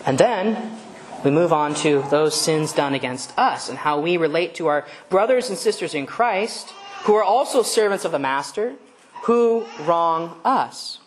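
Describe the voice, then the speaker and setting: A woman's voice: lowish voice, animated, unhurried, slight background noise. A woman preaching a sermon in a conversational way, asking rhetorical questions and stopping to correct herself.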